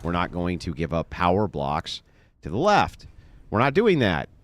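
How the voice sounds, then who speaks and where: A man's voice: low voice, huge pitch swings, normal speed. A man live-streaming a game, ranting in a sarcastic, profane way between plays on a desk microphone. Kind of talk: casual live-stream commentary.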